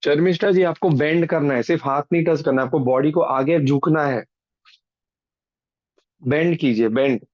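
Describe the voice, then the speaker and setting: A man's voice: on the high side, moderate pace, pauses often, a little mellow. A man with an Indian accent coaching a live group workout in Hindi and English, urging people on with repeated short commands and counts. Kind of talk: live exercise class instruction, mixing Hindi and English. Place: online group video call. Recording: dull, roomy video-call audio.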